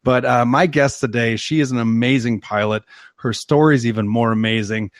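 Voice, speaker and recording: A man's voice: medium pitch, fairly even intonation, normal speed, no echo, studio quality. A man hosting an interview podcast, talking casually and eagerly with lots of repeated words and restarts. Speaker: podcast host, firefighter.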